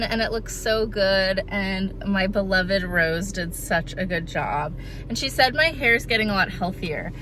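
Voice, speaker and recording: A vlogger in her thirties talks casually to camera while out and about, in the car and at home, sounding chatty, bubbly, and a little congested. She makes self-deprecating asides, her voice is medium-pitched, and the background is noisy.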